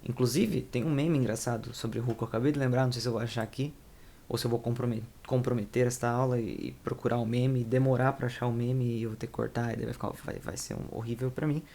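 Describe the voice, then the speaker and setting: A man's voice: mid-range voice, steady tone, fast talker, creaky, warm tone, slight background noise. A young Brazilian man with a Brazilian Portuguese accent, teaching an English lesson in a rambling, informal way and correcting himself as he goes. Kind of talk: casual explanatory lesson.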